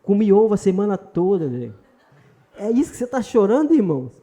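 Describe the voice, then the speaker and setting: High-voiced preacher. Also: male voice, very animated, a little fast, warm tone. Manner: emphatic and conversational, joking and addressing the congregation directly. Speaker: pastor. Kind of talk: sermon. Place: church retreat hall.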